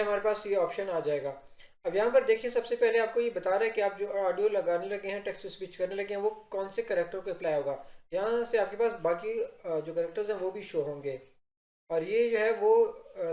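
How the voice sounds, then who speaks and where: A man giving a software tutorial, explaining step by step and addressing viewers directly in an instructional narration. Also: high-pitched, fairly quick. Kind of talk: instructional screen-recording narration. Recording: roomy, echoing voice-over.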